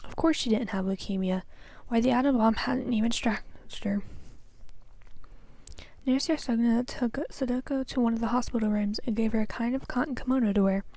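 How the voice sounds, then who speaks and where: Soft-voiced young woman reading a storybook. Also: on the high side, moderate pace. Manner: careful, soft reading with small slips. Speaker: student reader. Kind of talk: reading a children's novel aloud.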